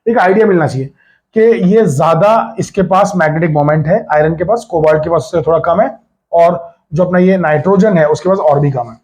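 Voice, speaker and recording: A man, a physics teacher talking his students through a lesson. His voice sits a little high for a man, and his delivery is loose and chatty, repeating key words over and over. He mixes English phrases into his explanations. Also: brisk, darkish tone. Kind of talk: casual board exam lecture.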